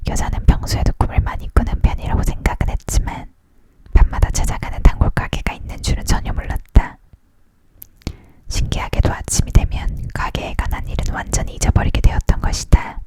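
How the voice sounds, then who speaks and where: A storyteller reading a novel aloud in a whispered ASMR style, leaning in to whisper. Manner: leaning in to whisper, hushed narration.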